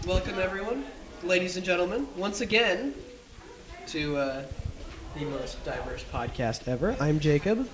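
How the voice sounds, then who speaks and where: A man's voice: sits high, lively intonation, normal speed, low-quality recording. Rambling young male podcast host. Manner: rambling, loose, many fillers. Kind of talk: casual podcast chat.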